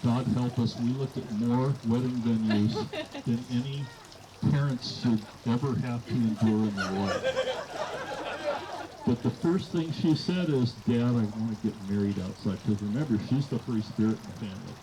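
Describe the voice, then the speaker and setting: Behind clear background noise, a middle-aged man gives a father-of-the-bride wedding toast. His pitch sits in an ordinary male range, and he tells family stories in a folksy, informal way, acting out bits of dialogue. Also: moderate pace.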